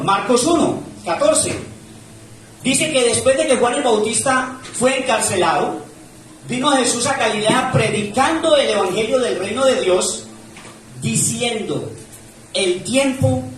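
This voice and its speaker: A man's voice: extremely high pitch, a bit bright, slight background noise. A man preaching a sermon as a pastor, his emphasis rising and falling as he reads scripture aloud. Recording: echoey church room from far off.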